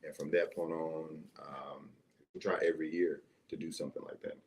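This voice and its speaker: An assistant pastor from Mississippi shares his personal testimony as an interview guest, his Southern US accent carried on a very deep voice with little pitch movement at normal speed. His telling is folksy and conversational, with frequent check-ins.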